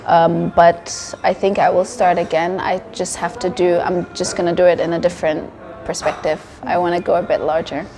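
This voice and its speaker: Lower-voiced young woman in a cafe. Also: normal speed. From Sierra Leone, raised in Denmark. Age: 20s. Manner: thoughtful, steady, with frequent um and uh. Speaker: interview guest, wellness coach. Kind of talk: casual interview answers. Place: indoor cafe.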